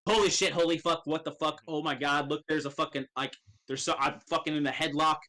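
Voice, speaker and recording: A man's voice: fairly high pitch, fairly even intonation, a little fast, sharp tone. A man voicing a bewildered, panicked captive who blurts out frantic curses, as part of a tabletop game. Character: panicked male captive, bewildered and foul-mouthed.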